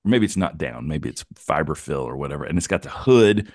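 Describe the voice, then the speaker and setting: A man's voice: a bass voice, sing-song, brisk, darkish tone, no room sound, studio quality. A middle-aged man on a video call, reminiscing in an easygoing, wry way during a casual chat.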